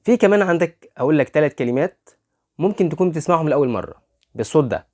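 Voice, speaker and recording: Man, Egyptian Arabic accent, phonics teacher, rhetorical questions, loud repeated model words. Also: a little high, animated, racing. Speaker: English pronunciation teacher. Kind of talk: phonics lesson.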